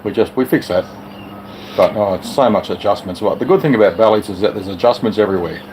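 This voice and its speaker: A man's voice: lowish voice, quick pace, darkish tone, slight background noise, poor audio. A man co-hosting a pinball repair stream, chatting in a laid-back way with short remarks. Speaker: co-host and repairer. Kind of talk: casual chat.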